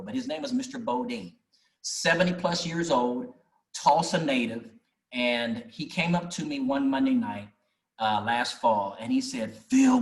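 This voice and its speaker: A man giving an earnest, folksy talk at an online community meeting, with many restarts. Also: mid-range voice. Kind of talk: storytelling presentation. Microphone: video call mic. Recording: echoey room.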